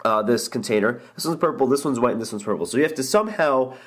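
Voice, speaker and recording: A man's voice: medium pitch, quick pace. Young man rambling through a game demo. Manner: rambling, enthusiastic, many ums and restarts. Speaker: app reviewer. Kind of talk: casual gameplay walkthrough. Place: indoor room, filming a phone screen.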